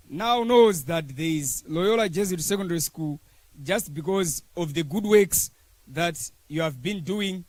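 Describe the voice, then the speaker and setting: A speaker with a Malawian accent delivering a formal speech as an alumni representative, in short measured phrases. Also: medium pitch, no echo.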